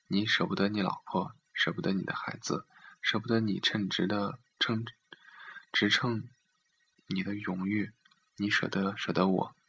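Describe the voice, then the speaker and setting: A man's voice: on the low side, level tone, a little slow, creaky, fairly bright tone, breathy edge, full character voice. A man voicing a heartbroken young man who turns cold and defiant toward his lover. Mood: bitter. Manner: cold, reproachful.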